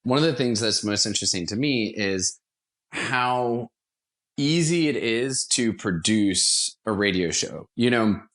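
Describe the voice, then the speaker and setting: A man appearing as a podcast guest, a theater founder, talks casually and enthusiastically with emphatic turns of phrase. His voice is lowish and a bit bright, animated but unhurried.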